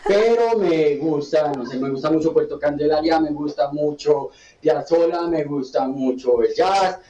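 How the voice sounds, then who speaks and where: A man's voice: on the high side, measured pace, highs cut off, a little hiss or hum. A man, a guest music teacher, explaining songwriting to children in a playful way and breaking into sung chants. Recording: roomy sound from a distant mic. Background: loud instrumental music.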